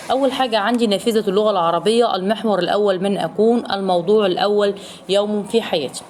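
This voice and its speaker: A woman's voice: medium pitch, darkish tone, slight background noise. A woman teaching a recorded Arabic lesson for young pupils in an Egyptian accent. She asks the children questions and then answers them herself, repeating the key words. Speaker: primary school Arabic teacher.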